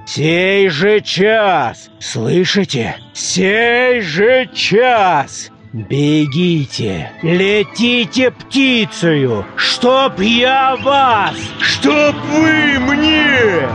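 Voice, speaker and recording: A man voicing a pompous old village head who barks slow, blustering orders. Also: high voice, very animated, fairly bright tone, soft background music, voice pushed up, exaggerated voice. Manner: blustering, commanding, drawn out.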